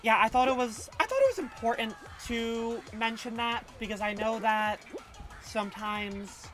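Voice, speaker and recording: A woman livestreamer with a slightly high voice chats casually with her viewers at a normal speed, reading their messages aloud in a loose, rambling, slangy way. Faint music plays in the background.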